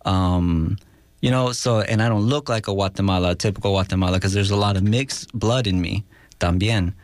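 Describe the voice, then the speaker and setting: A young guest musician from Los Angeles, USA, talks casually in a radio studio interview, halting and full of fillers while slipping in Spanish words. His voice is lowish, with no echo.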